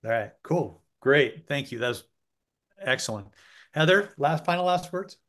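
A man's voice: on the high side, animated, moderate pace, fairly bright tone. A man hosting an online webinar over a video call, talking loosely and chattily with lots of fillers. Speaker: webinar host. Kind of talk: casual webinar moderating.

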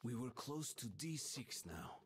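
An actor playing a somber young soldier, narrating grim memories slowly and reflectively in a video game. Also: male voice, mid-range voice, big pitch swings, a little hiss or hum. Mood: somber, brooding. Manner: slow, reflective, subdued. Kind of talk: brooding scripted game narration.

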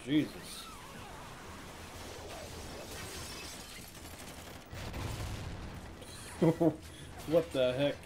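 A man's voice: on the high side, moderate pace. A young adult man giving casual commentary while playing a video game indoors. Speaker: gamer. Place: small room indoors. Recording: game gunfire and noise behind.

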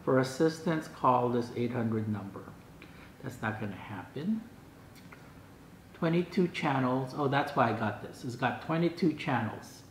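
With an expressive, mid-range voice and an unhurried pace, this vlogger in his sixties chats through an unboxing, musing aloud, sounding puzzled at moments and reading snippets out. He's indoors in his home dining room. A camera across the table picks him up clearly, with a roomy echo.

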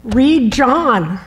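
A woman's voice: on the high side, rough recording. A woman welcoming a chapel congregation and giving announcements in a friendly, chatty way, with light laughs and fillers. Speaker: lay leader giving announcements. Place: chapel sanctuary.

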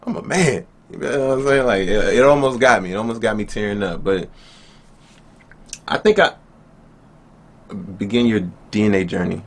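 A man's voice: lowish voice, moderate pace, pauses often. A young man from Nigeria hosting a reaction video, chatting casually and upbeat, talking straight to his viewers as family, in a small indoor room. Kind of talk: casual chat.

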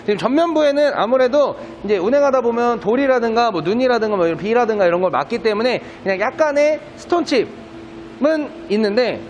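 A man speaking as a used car dealer, giving a polite, persuasive sales pitch in a walkaround of a car. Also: expressive, brisk. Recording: dull lo-fi sound, faint background noise.

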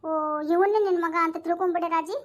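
A performer voicing a forgetful, easily frightened father in a comedy cartoon dub, talking in a fussy, excitable way. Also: very high voice, fast talker, slight background noise. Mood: flustered. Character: forgetful cartoon father who fears ghosts.

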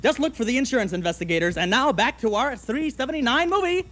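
High-voiced young man hard-selling furniture. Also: expressive, quick pace. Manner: hard-selling, bursts into shouts, stumbles and flusters. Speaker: TV pitchman in a sketch. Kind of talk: parody local TV furniture commercial. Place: TV studio set. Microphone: handheld mic. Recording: 1960s TV broadcast.

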